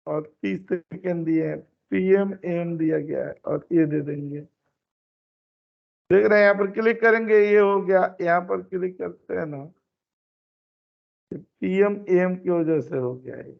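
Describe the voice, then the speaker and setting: A man with a high, gravelly voice teaches an online class, explaining step by step and circling back to repeat his phrases. He's heard through a computer mic on a video call in a dull, lo-fi meeting recording.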